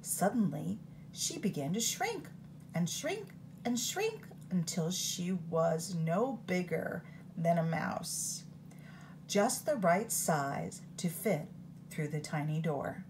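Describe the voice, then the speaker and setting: A woman reads a picture book aloud for storytime, slowly and deliberately, her darkish, lowish voice very animated and rising and falling expressively. A phone held close above the page records her, giving low quality with slight background noise.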